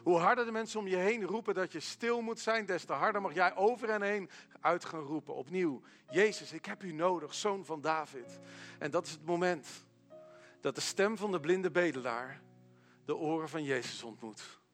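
A man preaching a sermon in a church hall, swinging between loud calls and hushed quiet lines. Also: sits high, normal speed, faint music behind. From Netherlands.

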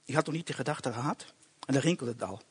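A man giving an emotional personal conversion testimony in a halting storytelling way, often restarting his words. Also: mid-range voice, expressive, breathy edge. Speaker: testimony speaker.

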